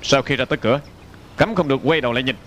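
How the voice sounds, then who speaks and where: A man's voice: medium pitch, very fast, fairly bright tone, a little hiss or hum, natural voice. Strict jail officer barking orders, man dubbing him, clipped and bossy. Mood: stern. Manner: clipped, commanding. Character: stern male prison officer barking drill orders.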